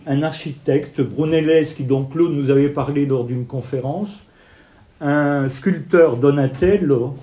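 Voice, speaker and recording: A man with Italian family roots lectures on art history at an evening event, his slightly high voice dark-toned and measured in pace. Step by step, he explains paintings, drawing attention to details while talking with his hands.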